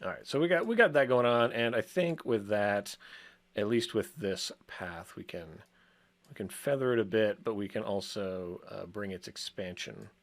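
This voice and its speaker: A man co-hosting a casual design show, thinking aloud as he works, with frequent ums and soft chuckles. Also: fairly low pitch, normal speed. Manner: rambling, chuckles often, many ums. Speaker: co-host working in software.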